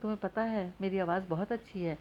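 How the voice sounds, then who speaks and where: A woman's voice: mid-range voice, steady tone, quick pace, muffled recording, a little hiss or hum, natural voice. A woman voicing a playful, affectionate young man in a novel reading, in a plain reading voice. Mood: teasing.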